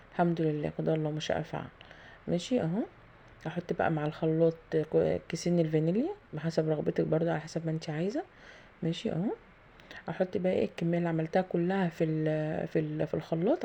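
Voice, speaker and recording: Egyptian lady chatting thru her cake recipe, mellow dark voice, bit of noise in her kitchen. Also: low-pitched, vocal fry. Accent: Egyptian Arabic. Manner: chatty, thinking aloud with frequent fillers and pious phrases. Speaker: home cooking video host. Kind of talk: casual cooking tutorial narration. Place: home kitchen.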